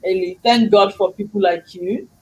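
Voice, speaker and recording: Hosting a casual chat show, a middle-aged woman whose first language isn't English talks in an effusive, preachy manner full of faith. Her medium-pitched voice stays steady at a moderate pace with a breathy edge, and faint music sits behind the rough recording.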